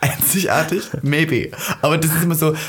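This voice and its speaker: A man's voice: fairly high pitch, fairly even intonation, moderate pace, a bit bright, breathy edge. A young man co-hosting a podcast, blunt and teasing in casual chat. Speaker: podcast co-host.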